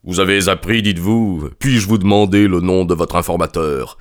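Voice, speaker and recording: Irascible old professor, low and cutting, menacing, as a male reader puts him on. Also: fairly even intonation, moderate pace, natural voice. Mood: harsh. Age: older. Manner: stern, harsh, suspicious. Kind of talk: audiobook character reading.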